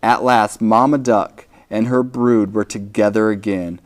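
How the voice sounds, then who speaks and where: Slow, expressive storytelling man. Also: fairly low pitch. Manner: slow, expressive, asks the children questions. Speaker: host reading to children. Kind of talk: children's read-aloud.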